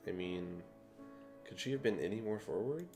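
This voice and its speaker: A man's voice: on the low side, normal speed, a little mellow, faint music behind. A man playing a visual novel, reading the lead character's lines in a dry, exasperated mutter. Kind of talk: casual game playthrough reading.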